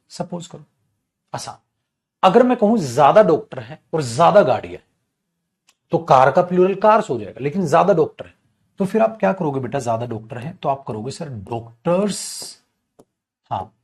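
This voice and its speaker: This is a male English grammar teacher giving an online class. His voice rises and falls a lot, and he keeps a playful, teasing manner with his students. He slows right down to spell out key phrases and acts out the questions his students might ask. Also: on the high side. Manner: lively, teasing, addresses students as beta and chhutku; spells phrases out slowly for emphasis.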